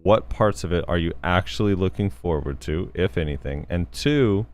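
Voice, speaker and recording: A man hosting a casual gaming podcast, relaxed and laid-back, still in his morning voice. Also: sits low, normal speed. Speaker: podcast host.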